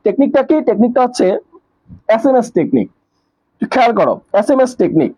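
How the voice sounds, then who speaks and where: A man's voice: very high-pitched, sing-song, a little fast, dark tone, husky, poor audio. A man teaching a live online exam-prep class, repeating key points and asking questions that he answers himself. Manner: repetitive, asks questions and answers them himself.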